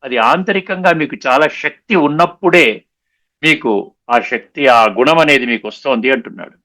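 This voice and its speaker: A man giving a spiritual discourse, explaining patiently, slowing down on key sayings and often checking that listeners understood. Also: mid-range voice, expressive, pushed and bright. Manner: mixes English words into his talk; repeats and slows down on key sayings. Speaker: spiritual lecturer.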